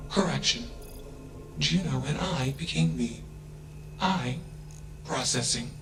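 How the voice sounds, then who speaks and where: A flat, emotionless AI. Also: male voice, medium pitch. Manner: flat, clipped statements, each opened by a one-word tag. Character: flat emotionless self-aware AI who insists it is a person. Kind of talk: video game dialogue. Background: game music.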